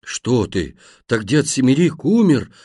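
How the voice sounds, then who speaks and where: A man reading an audiobook and voicing a deaf, bedridden grown man who talks loudly in a deep, husky voice. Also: very animated, unhurried, dry recording, studio quality. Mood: loud, gruff.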